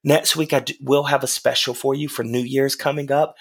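A man hosting a motivational podcast in an earnest, encouraging way, his voice hoarse today. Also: mid-range voice, flat delivery, brisk. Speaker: podcast host.

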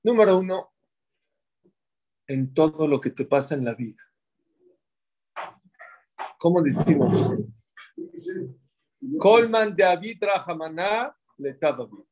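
High-voiced man teaching a religious class. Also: a little mellow. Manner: explanatory, asks the group questions and answers himself. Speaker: rabbi teaching a Torah class. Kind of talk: religious class talk to a small group.

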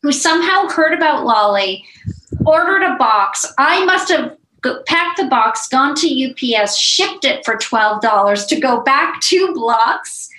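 A middle-aged woman, a beauty brand founder, telling stories in a casual interview, animated and chatty with many asides. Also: high voice, measured pace. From United States. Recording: roomy echo.

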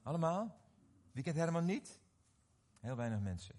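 Husky, animated middle-aged male preacher. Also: a little high, moderate pace. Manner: animated, questions the audience, repeats words when restarting. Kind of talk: sermon to a live congregation.

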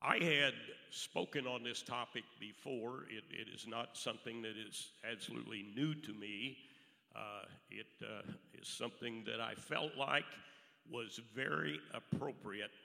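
A man preaching a church sermon in a raspy, hoarse voice, speaking deliberately in short weighted phrases. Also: medium pitch, sharp tone. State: hoarse from allergies. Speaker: pastor preaching to a congregation. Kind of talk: church sermon with Bible readings and prayer. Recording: reverberant hall, faint music.

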